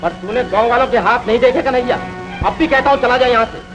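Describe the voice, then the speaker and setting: A threatening village man, fast and kinda high. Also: muffled recording, over music. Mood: scornful. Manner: scornful, threatening. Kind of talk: 1950s film acting. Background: film score.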